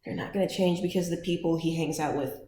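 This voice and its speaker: A young woman hosts a loose, chatty podcast, laughing easily and trailing off mid-sentence. Her voice sits fairly low for a woman. The room throws back a strong echo, with a faint hiss underneath. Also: fairly even intonation, quick pace, warm tone. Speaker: podcast host. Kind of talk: casual chat. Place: echoey room. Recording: roomy echo, faint noise.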